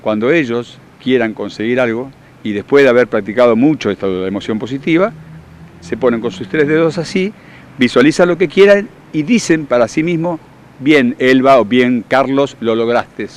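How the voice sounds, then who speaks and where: Hombre argentino seguro y enfático. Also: male voice, mid-range voice, fairly quick, darkish tone. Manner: confident, instructive, emphatic. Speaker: workshop leader and therapist. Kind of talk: explanatory interview answers.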